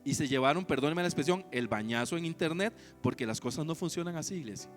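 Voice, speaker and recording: A male pastor preaching a sermon, calling out to the congregation and swinging between loud emphatic lines and hushed low ones. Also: animated, quick pace, soft background music. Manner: preaching with call-and-response questions to the congregation. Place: church service.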